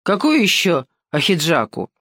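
A woman's voice: lowish voice, big pitch swings, normal speed, fairly bright tone, no room sound, studio quality. A woman reading an audiobook and voicing a nervous, bewildered young male cook who speaks hesitantly. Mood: anxious. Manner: hesitant, anxious.

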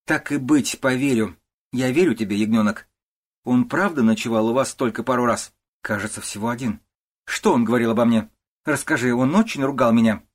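Male narrator playing a hysterical elderly mother-in-law, shrill, accusing, husky edge. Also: brisk, close to an everyday voice. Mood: wheedling. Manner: wailing, shrieking, accusing.

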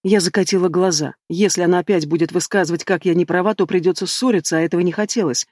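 A man narrating an audiobook in a measured, even reading style, close to the mic. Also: high-pitched, no echo. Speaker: audiobook reader. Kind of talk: scripted narration.

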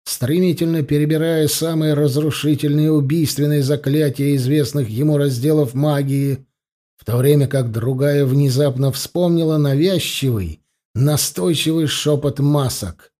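A man narrating a fantasy audiobook in a measured, dramatic reading. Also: a little high, steady tone, warm tone.

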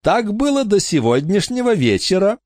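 A male audiobook reader voicing a cold, condescending countess who coaxes and mocks in a smooth, dry studio voice. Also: sits high, very animated, moderate pace, a little mellow, no room sound, pitched above the performer's own voice. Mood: explaining. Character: cold, silky scheming noblewoman, a countess. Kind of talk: audiobook character voice.

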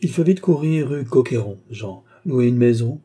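A shrill imperious countess, as a man puts her on. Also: mellow, slightly rough, close to an everyday voice. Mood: excited. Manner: exclamatory, scolding, fast and shrill. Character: vain, theatrical court countess, woman, shrill and imperious. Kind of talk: audiobook character reading.

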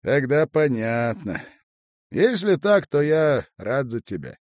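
Male narrator as a booming cheerful foreman, lively delivery, dry close sound. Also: slow pace, no echo. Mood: hearty. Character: cheerful middle-aged male foreman, loud and bluff.

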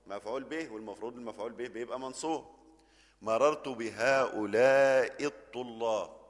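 Egyptian man teaching grammar in an echoing hall. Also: mid-range voice. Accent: Egyptian Arabic. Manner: explains step by step, keeps checking with the class. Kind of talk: classroom grammar lesson.

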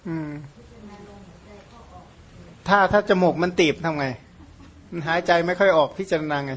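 A Buddhist monk from northeastern Thailand, a native Khmer speaker, giving a casual, conversational Dhamma talk with gentle chuckles. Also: male voice, high-pitched, measured pace, slight background noise. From Surin, northeastern Thailand.

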